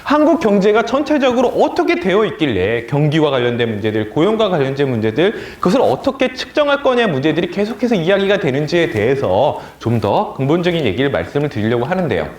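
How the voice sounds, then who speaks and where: A man giving a political education lecture, animated, sometimes mocking opposing views in a sneering voice. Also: on the high side, quick pace, hardly any pauses. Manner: animated, mocks opponents' talk in a sneering voice. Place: lecture room. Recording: echoey lecture room.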